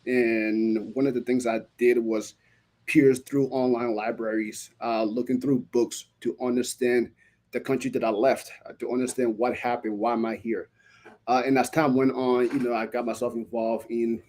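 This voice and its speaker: A man's voice: medium pitch, flat delivery, moderate pace, a little mellow. A man who grew up in Liberia answering interview questions in a passionate, reflective way, with frequent uhs. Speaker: guest, youth association president.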